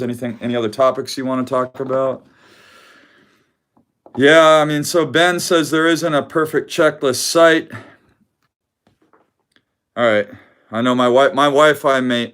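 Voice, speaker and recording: A card collector hosts a casual live stream from a home room with weak Wi-Fi. He's loud, his medium-pitched voice carries with a clean tone, and he laughs often while rambling and restarting his thoughts.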